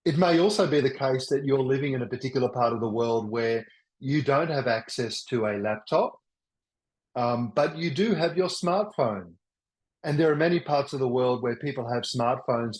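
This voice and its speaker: An older man presents a workshop, teaching a webinar loudly and enthusiastically in a medium-pitched voice. He speaks haltingly with many restarts, and the recording has a roomy echo.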